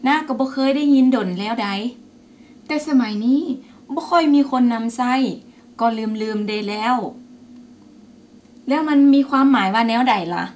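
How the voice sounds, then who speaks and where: A woman plays a Lao aunt in a scripted teaching skit, asking curious questions and nodding along in approval. Her voice sits somewhat high. She talks plainly and calmly. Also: normal speed, slight background noise, natural voice. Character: Lao aunt who values old proverbs.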